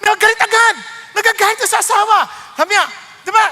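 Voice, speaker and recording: Male pastor, high and very bright, big hall reverb; animated storyteller who drops into English scripture. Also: fast. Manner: animated storytelling, acting out voices of people in anecdotes; mixes English Bible quotes into Filipino preaching. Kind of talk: sermon.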